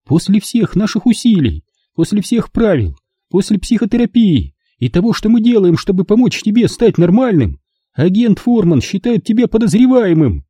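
A shrill, high mother's voice that scolds and pleads in turn, swinging wildly in pitch, as a man reading an audiobook puts her on. The tone stays husky and dark underneath. The recording is dry and close. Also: big pitch swings, normal speed, no room sound, full character voice. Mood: angry scolding. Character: frightened angry mother, middle-aged woman.

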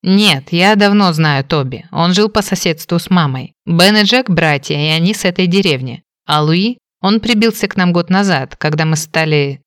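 A bedridden young man played by a woman reader rasps out his story in a hoarse, tired voice, stopping now and then as he talks. The audiobook sound is dry and close. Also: on the low side, no room sound, lightly acted. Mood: weary. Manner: weary, halting storytelling. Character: wounded young man, weak and bedridden brother. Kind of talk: audiobook character voice.

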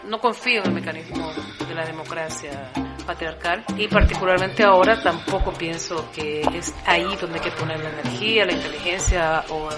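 Female activist, low-ish, deliberate; heavy music bed behind. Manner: firm and deliberate. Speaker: feminist activist. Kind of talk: recorded statement. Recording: voice under loud music. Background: loud music.

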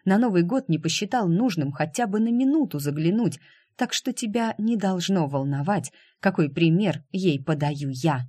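A man's voice: sits high, animated, normal speed, darkish tone, dry recording, studio quality, pitched above the performer's own voice. A man voicing a young mother in an audiobook, speaking coldly and defiantly to her ex-husband. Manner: cold and clipped.

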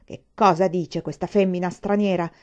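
A woman reading aloud and voicing a rough, bullying male army sergeant who barks and shouts his orders. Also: on the low side, fairly even intonation, moderate pace, muffled recording, natural voice. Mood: gruff.

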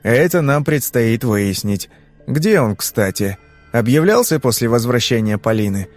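A man playing a calm, terse male investigator who questions people in measured phrases. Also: mid-range voice, faint music behind, lightly acted. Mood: brusque.

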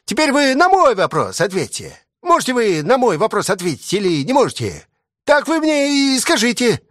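A man's voice: extremely high pitch, wildly swooping pitch, normal speed, fairly bright tone, no room sound, clean studio sound, pitched above the performer's own voice, exaggerated voice. A man voicing a cheeky, mocking young soldier who badgers an officer with pointed questions, in an audiobook reading. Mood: taunting. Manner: taunting, badgering.

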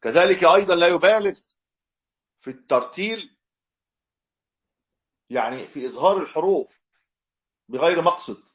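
A man's voice: on the high side, expressive, moderate pace, long pauses, highs cut off. A man teaching a religious lesson as a sheikh, explaining step by step and demonstrating correct recitation. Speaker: sheikh teaching a fiqh text.

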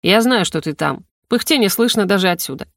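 A woman voicing a composed male elf lord who serves as dean, speaking in a measured, reasoning way that can turn stern. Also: mid-range voice, animated, no echo, studio quality, lightly acted. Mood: calm.

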